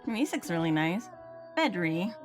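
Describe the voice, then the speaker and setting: A very animated woman livestreamer with a low-ish voice speaks at a moderate pace, chatting casually and reading aloud as she plays. Now and then she mutters to herself, and video game music runs in the background.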